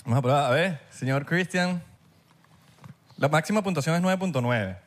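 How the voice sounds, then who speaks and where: A man's voice: fairly high pitch, normal speed. A man with a Venezuelan accent co-hosting a podcast, playful and teasing in casual chat. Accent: Venezuelan Spanish. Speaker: podcast host.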